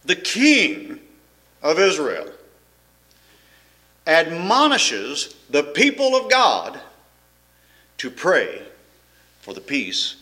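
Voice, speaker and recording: A man's voice: fairly high pitch, huge pitch swings, drawn-out words, pauses often, pushed and bright. A middle-aged man, preaching a folksy, rambling sermon full of restarts and chuckles. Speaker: pastor.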